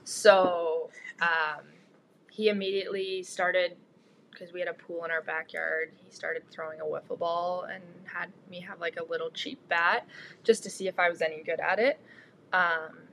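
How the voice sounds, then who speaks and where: A woman's voice: lowish voice, fairly even intonation, normal speed, creaky, fairly bright tone, slight background noise. A young woman with a Canadian accent, a student athlete answering interview questions casually as a guest. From Ontario, Canada. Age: young adult.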